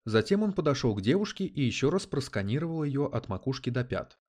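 A man narrating a story in an expressive, animated reading. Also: mid-range voice, brisk. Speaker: audiobook narrator. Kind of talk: scripted narration.

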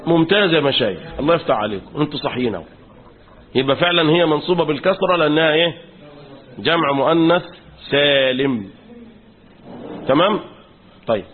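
A man's voice: fairly high pitch, quick pace, pauses often. A man with an Egyptian accent, a sheikh teaching Quran commentary in a classroom lecture, who keeps quizzing the class with fill-in questions. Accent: Egyptian Arabic. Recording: tinny phone-like recording.

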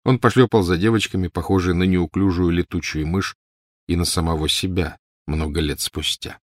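A man reading a novel aloud in a calm, measured narration. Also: deep voice, no echo, clean studio sound. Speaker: audiobook narrator. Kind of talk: scripted narration.

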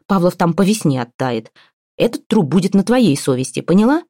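A woman voicing an impulsive, emotional woman friend who pleads and shouts through tears. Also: on the low side, big pitch swings, a little fast, no echo, clean studio sound. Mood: indignant. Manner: loud, tearful, indignant.

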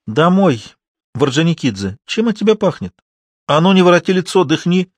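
A man voicing a stern heavyset mother who scolds her daughter loudly and breaks into wailing laments. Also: fairly high pitch, sing-song, fairly quick, dry recording, voice pushed up. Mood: scolding.

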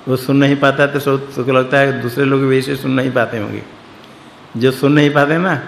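A man's voice: medium pitch, vocal fry. A man teaching a scripture lesson, explaining it word by word and putting questions to his class. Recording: echoey hall with faint background noise.

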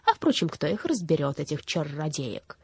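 A woman's voice: low voice, very animated, a little mellow, breathy edge, no echo, heavily acted. A woman voicing a vain, grumpy old female crow who sees herself as a great singer, grumbling and indignant in a storybook. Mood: huffy gossip. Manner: huffy, indignant, slow grumbling delivery.

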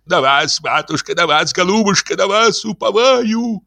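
Male reader playing a fawning sly priest, pleading and gushing, raised pitch, audiobook character. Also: animated, creaky, pushed and bright, no room sound, heavily acted. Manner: fawning, pleading, rapid mumbling. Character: bearded middle-aged priest, fawning and cunning.

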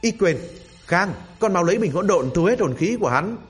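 A man voicing an old great-grandfather spirit, gruff and bantering in a husky voice. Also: high-pitched, lively intonation, a little fast, voice pushed up, exaggerated voice.

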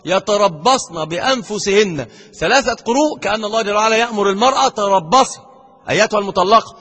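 A man with an Egyptian Arabic accent teaches grammar at a brisk, driving pace, his voice high and edged with husk. He keeps throwing questions at his students and slows down to stress each quoted verse. The sound rings with the long reverb of a lecture hall. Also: a bit bright, husky. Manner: quizzes the students with rhetorical questions. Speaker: Islamic scholar teaching grammar. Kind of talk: classroom lecture.

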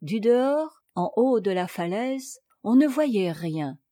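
A woman narrating a classic tale as an audiobook reader, in a slow, deliberate reading. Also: mid-range voice, very animated, dark tone, no echo, studio quality. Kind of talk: scripted narration.

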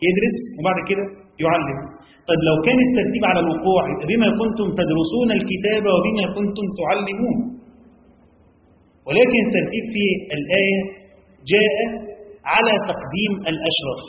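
A man with an Egyptian Arabic accent teaching a classroom lecture on Quran commentary, quizzing listeners with quick questions and reciting verses slowly. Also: high voice, slight background noise. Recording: echoey hall, dull lo-fi sound.

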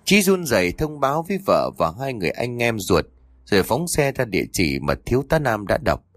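A man narrating a ghost story for an audiobook in an expressive storytelling manner. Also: mid-range voice, brisk, dry recording. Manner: expressive, voices the characters' cries and quarrels.

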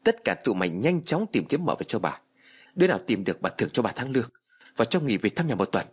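A man voicing a harsh, domineering old woman who scolds and curses her household in a shrill voice. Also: big pitch swings, fast talker, slightly rough. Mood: furious scolding.

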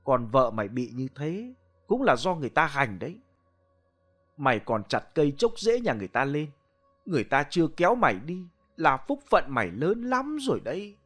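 A man's voice: fairly high pitch, sing-song, normal speed, a bit bright, faint music behind. A man doing a stern scolding female shaman. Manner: hissing, scolding.

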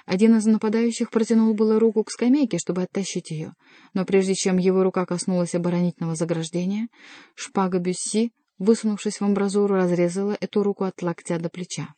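A woman narrating an adventure novel as an audiobook reader, in an even, measured storytelling manner. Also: mid-range voice, no room sound. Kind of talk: scripted narration.

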